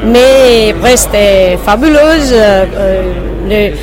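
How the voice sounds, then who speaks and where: A Croatian woman singer being interviewed, speaking halting non-native French with a Croatian accent and searching for words. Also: medium pitch, a crowd in the background. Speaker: singer and composer, interview guest. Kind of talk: casual interview answers. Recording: music playing behind the voice.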